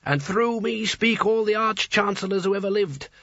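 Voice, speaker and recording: An imperious ancient wizard's hat, pitched well above a normal male voice, proclaiming with grandiose, sarcastic authority in an audiobook, as a man puts it on. The recording is dry and a little dull. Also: normal speed, fairly bright tone, dry recording. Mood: solemn, grand.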